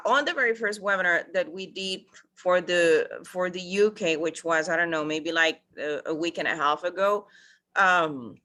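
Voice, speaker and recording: Upbeat woman, bright voice. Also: fairly low pitch. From Costa Rica. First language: Spanish. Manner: upbeat, addresses listeners as guys, many fillers. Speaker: project promoter. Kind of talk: enthusiastic presentation.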